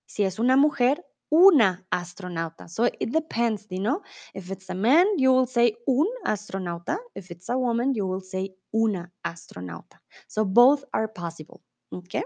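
A woman's voice: fairly high pitch, lively intonation, darkish tone, dry recording. A woman from teaching Spanish on a live stream, reading viewers' chat aloud and encouraging them patiently. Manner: patient, encouraging, repeats words slowly and switches to English.

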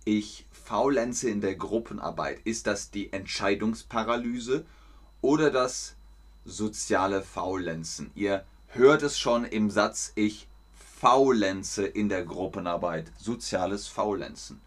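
On a stream, a man with a fairly low voice gives a German lesson, speaking slowly and clearly. He repeats words so learners can follow and livens things up with sounds and laughter.

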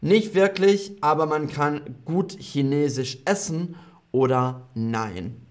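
Slow, patient male German teacher. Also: a little high. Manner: repeats phrases slowly and clearly, reads out viewer comments. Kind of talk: slow live German lesson for learners.

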